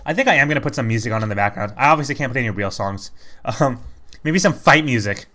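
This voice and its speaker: Man, casual let's play commentary, rambling, self-critical, very animated pitch. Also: fast talker.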